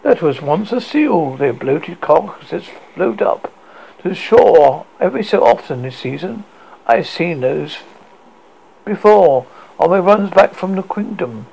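A man's voice: high voice, lively intonation, unhurried, vocal fry, a little mellow, slightly rough, pitched above the performer's own voice, exaggerated voice, rough recording. A man voicing a matter-of-fact male trader explaining to a crowd.

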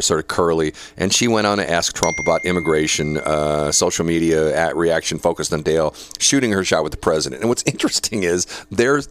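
This man's voice is low-pitched with a slight brightness. He hosts a talk show in a casual talk radio style, reading news quotes aloud and adding chatty, opinionated asides, laughing between points.

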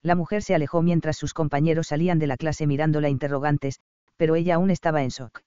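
Male narrator, smooth clear voice, fairly high. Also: steady tone, fast, mellow, no room sound, dull audio. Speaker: audiobook narrator. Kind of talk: scripted narration.

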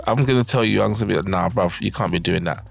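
A man's voice: lowish voice, quick pace, gravelly, faint music behind. A man with a London roadman accent, chatting casually and in slang as a podcast host. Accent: London roadman, Multicultural London English.

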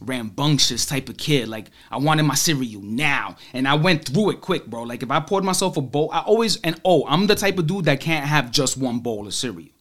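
A married man telling animated, slangy stories in a casual chat, laughing often. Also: mid-range voice, moderate pace, few pauses. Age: adult, married.

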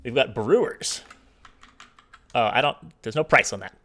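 A man's voice: medium pitch, lively intonation, fairly bright tone. A young man hosting a casual sports betting show, easygoing, running through lines for a poll. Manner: easygoing, halting with restarts.

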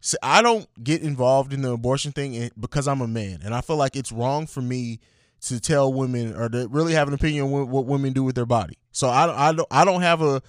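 A man's voice: mid-range voice, a little fast, no room sound, clean studio sound. A man co-hosting a podcast, chatting casually about film in a laid-back, profane way and calling his co-host bro.

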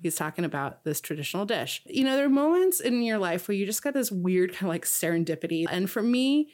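A woman's voice: mid-range voice, very animated, a little fast, a little mellow. Enthusiastic woman podcast host narrating food history. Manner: enthusiastic, savoring lists of ingredients.

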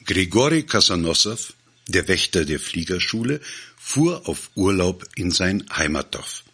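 A man reading a satirical short story aloud in a dramatic, expressive way. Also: low-pitched, measured pace, husky. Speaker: narrator.

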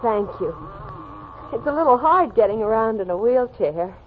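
An actress playing a sweet, brave seventeen-year-old girl in a wheelchair, speaking gently in an old-time radio drama. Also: fairly high pitch, lively intonation, normal speed, a little hiss or hum, natural voice. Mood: shy, gentle. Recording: muffled, narrow old radio recording.

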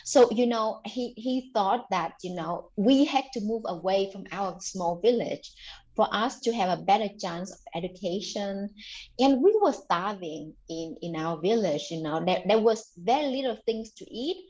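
A woman speaks earnestly as a guest, recounting her childhood at a middle pitch. Her speech is dotted with "you know" fillers. The audio is dull and lo-fi, lacking high end. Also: expressive, normal speed, a little mellow. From Vietnam. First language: Vietnamese. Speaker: author guest. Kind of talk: conversational interview storytelling.

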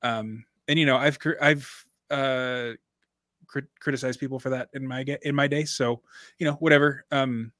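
A man with a bright, forward voice chats loosely on a podcast, rambling and circling back to correct himself. The recording is close and dry, with no room sound. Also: mid-range voice, steady tone, normal speed, no echo. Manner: rambling, self-correcting, chatty. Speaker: podcast co-host. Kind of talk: casual conversational podcast chat.

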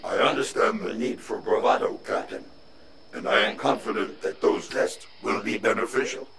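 An actor playing a formal, insistent male crew officer in an audio drama, speaking with a gravelly voice. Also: deep voice, very animated, normal speed, over a noisy crowd, exaggerated voice.

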